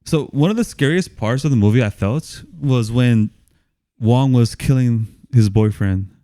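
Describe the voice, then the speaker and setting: Podcast dude, mellow dark voice, keeps laughing and cussing while he recaps a movie. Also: mid-range voice, unhurried, no echo, studio quality. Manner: laughs often, swears, animated retelling. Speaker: podcast co-host. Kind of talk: casual movie chat.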